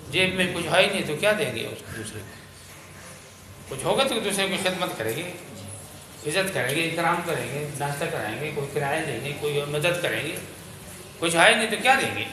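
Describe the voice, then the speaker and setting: A man's voice: fairly high pitch, noisy background. A man teaching Quran recitation to a class, explaining patiently and methodically and modeling each phrase in a chant. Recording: roomy class recording.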